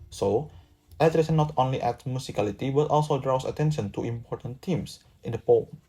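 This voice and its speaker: A man's voice: mid-range voice, mellow. A young man from Indonesia, a student presenter reading a prepared lesson script in a careful, slightly stiff way. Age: young adult.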